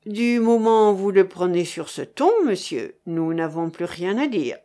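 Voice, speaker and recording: A woman reading aloud, voicing a dignified, haughty gentleman at a café table. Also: on the low side, animated, measured pace.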